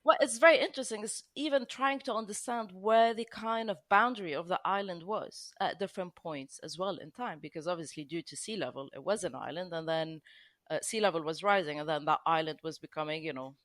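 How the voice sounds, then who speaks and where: A woman's voice: on the low side, a little fast, a bit bright, no echo. A woman from Lebanon, a guest on a podcast, explaining at length with frequent restarts and "you know". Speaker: guest archaeologist. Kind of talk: podcast conversation.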